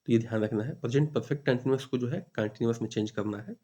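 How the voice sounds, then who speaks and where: A man's voice: medium pitch, dark tone, lo-fi sound. Hindi-speaking man teaching exam grammar. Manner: reads English questions slowly, then explains in Hindi with frequent "ठीक है". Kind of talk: exam-prep grammar lesson.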